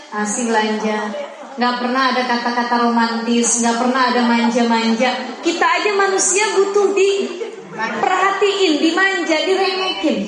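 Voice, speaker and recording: A woman preacher, giving a lively, chatty sermon to women and teasing the audience. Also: very high-pitched. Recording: very echoey hall.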